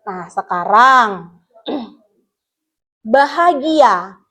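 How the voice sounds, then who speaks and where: Here a high-voiced school counselor explains a guidance lesson to her pupils point by point, drawing out her words with lively intonation. She patiently quizzes the class again and again, addressing the children fondly as "Nak."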